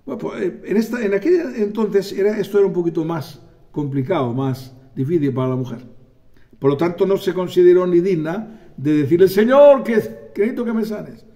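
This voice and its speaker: A man preaching a sermon, animated, acting out voices and calling on the congregation for amens. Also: high-pitched, brisk.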